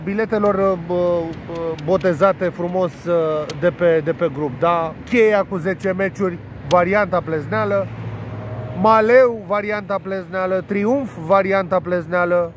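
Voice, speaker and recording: A high-voiced man, nasal and congested with a cold, rambles through his betting picks with crude jokes, swearing and playful made-up words. He is recorded outdoors, with faint city traffic noise behind him. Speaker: sports betting tipster. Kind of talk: casual monologue presenting betting tips.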